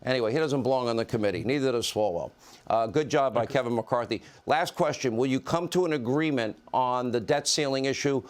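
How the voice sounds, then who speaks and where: A middle-aged man hosting a TV news interview, firing off emphatic, rapid-fire questions to his guests. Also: mid-range voice. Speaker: TV news host.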